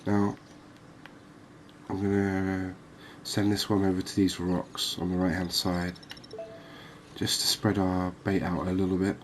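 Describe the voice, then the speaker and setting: This is gentle, slow-paced ASMR game commentary from the host of a cozy gaming channel. His deep, level voice feels calming and reassuring, and light background noise and ambience can be heard.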